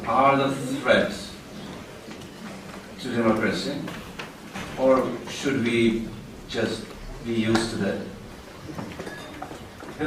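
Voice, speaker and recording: A man moderates a discussion, feeling his way through his questions. His delivery is slow and halting. He sounds far from the mic in a very echoey space, with clear background noise. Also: mid-range voice. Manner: halting, searching for words. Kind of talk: unscripted questioning in a panel discussion.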